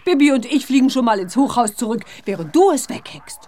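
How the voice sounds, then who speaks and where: High-voiced, self-assured witch mother. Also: animated, brisk, warm tone. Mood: smug, teasing. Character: smug, unyielding witch mother, teasing her husband. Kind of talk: audio drama acting.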